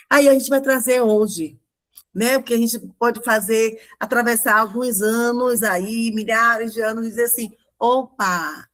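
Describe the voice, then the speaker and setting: Woman preaching with many rhetorical questions. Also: a little high. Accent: Brazilian Portuguese. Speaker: pastor. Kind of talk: sermon. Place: church.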